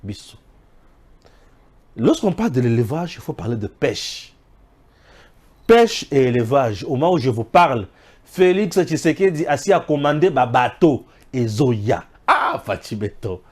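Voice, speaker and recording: A man from Congo giving impassioned political commentary, preachy and emphatic, swinging between loud exclamations and low asides. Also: very animated, measured pace. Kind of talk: impassioned political talk mixing French and Lingala.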